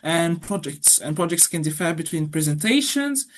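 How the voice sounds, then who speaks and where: A young Egyptian man who speaks Arabic joins a video call as a student guest, talking eagerly and at length in a casual interview. His voice is on the high side at a moderate pace, and he's chatty and enthusiastic, repeating words when he gets excited.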